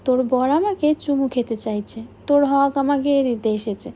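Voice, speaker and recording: A woman's voice: high-pitched, moderate pace, dark tone. A woman voicing a mischievous, teasing young man in an audiobook, in a mock-dramatic way.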